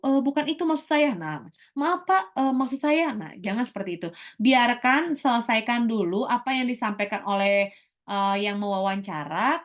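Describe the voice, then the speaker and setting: Mid-aged lady teacher lecturing casually, talks quick, lots of umms and restarts, medium pitch. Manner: fast-talking, many fillers and restarts.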